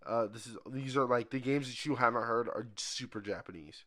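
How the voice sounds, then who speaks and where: A young man on a casual podcast, talking in a relaxed, easygoing way at a middling pitch. He reads off dates and facts plainly, with occasional swearing. Nothing is put on; it is his everyday speaking voice. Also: a little fast. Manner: laid-back, reads out lists of dates. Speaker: podcast co-host. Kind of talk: unscripted casual chat.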